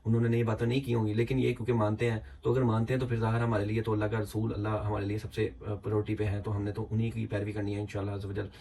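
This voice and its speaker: A man's voice: fairly low pitch, flat delivery, racing, hardly any pauses, warm tone. A man giving heated reaction commentary, indignant and repetitive, with many fillers. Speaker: YouTube commentator.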